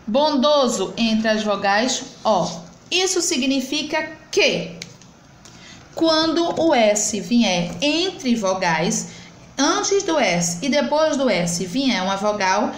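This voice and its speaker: A woman teaching children to read, drawing out syllables slowly and coaxing them along. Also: fairly high pitch. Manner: slow, drawn-out syllables, coaxing and encouraging. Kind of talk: reading-and-writing lesson for children. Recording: echoey room with faint background noise.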